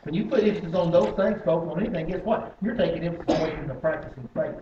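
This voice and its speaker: Guy preaching, kinda high voice, gets loud then drops quiet, church echo from far back. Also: fast talker, highs cut off, noisy background. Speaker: pastor. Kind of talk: sermon. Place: church sanctuary. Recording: echoey church from a distance.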